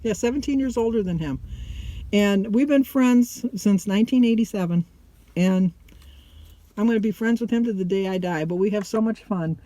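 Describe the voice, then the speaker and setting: A woman's voice: mid-range voice, normal speed, warm tone, no room sound, rough recording. Rambling, chatty middle-aged woman vlogger. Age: middle-aged or older. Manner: chatty and rambling, often breaking off mid-sentence. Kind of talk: casual chat to viewers.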